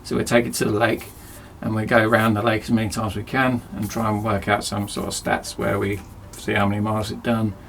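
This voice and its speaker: A man's voice: lowish voice, level tone, fairly quick, creaky, few pauses, fairly bright tone, slight background noise. A man chatting casually and self-mockingly as he rambles through a DIY project in his cramped home workshop. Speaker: DIY video host.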